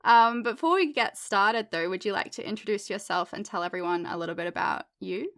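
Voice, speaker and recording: A woman's voice: mid-range voice, a little fast, fairly bright tone. A woman hosting a podcast interview, opening with a prepared welcome and then chatting in a friendly way with her guest. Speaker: podcast host.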